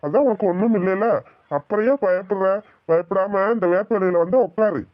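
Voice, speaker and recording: Cartoon village priest, male, woman-voiced, calm and wry, dull lo-fi dry sound. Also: medium pitch, brisk, no echo, natural voice. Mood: soothing. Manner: soothing, sarcastic asides. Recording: dull lo-fi recording.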